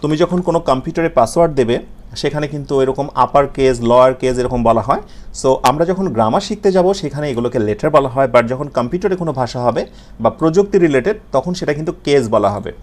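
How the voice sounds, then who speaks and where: Lively Bengali-accented man teaching English letters. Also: medium pitch. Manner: repeats sounds slowly, asks and answers his own questions. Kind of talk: video lesson on English letters and pronunciation.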